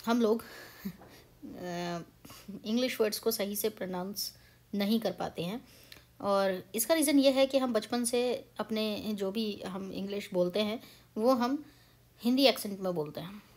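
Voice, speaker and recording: एक युवा भारतीय महिला, भारतीय लहजे में, हिंदी और अंग्रेज़ी मिलाकर, धैर्य से उच्चारण का पाठ बातचीत के अंदाज़ में समझाती है।. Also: female voice, medium pitch, unhurried, darkish tone. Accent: Indian English. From India. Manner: chatty, mixes Hindi and English, explains patiently. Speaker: pronunciation teacher. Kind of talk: casual spoken lesson.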